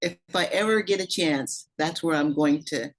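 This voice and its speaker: A woman's voice: low-pitched, poor audio. A woman from California sharing in an online group, speaking in a heartfelt way. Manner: slow, heartfelt. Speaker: participant. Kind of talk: casual group chat. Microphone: video call.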